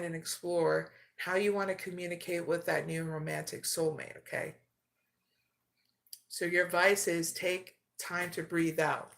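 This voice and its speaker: Lower-voiced woman giving oracle readings. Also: a bit bright. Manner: keeps adding "okay?" to her sentences; slow and deliberate when reading card names. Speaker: tarot reader.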